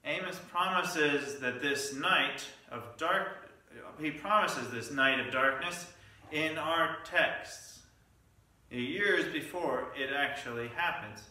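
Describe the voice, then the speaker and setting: A male pastor with a slightly high, bright, forceful voice delivers a midweek Lenten sermon at a slow pace, telling stories full of asides and small restarts. He's in a church sanctuary, picked up by a distant mic that leaves the sound echoey.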